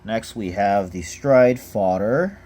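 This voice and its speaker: A card game unboxing vlogger reviews trading cards casually and off the cuff, reading out their text and offering quick verdicts. His voice is lowish, mellow and slow-paced, and his manner is laid-back.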